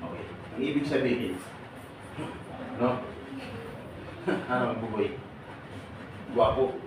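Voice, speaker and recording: A man addresses a crowd in a large hall, joking and firing short questions at them. His voice sits at a middle pitch. The sound is very echoey and heard from far off, with clear noise behind it. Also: slow pace. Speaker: seminar speaker for departing overseas workers. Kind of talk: lively seminar talk to an audience.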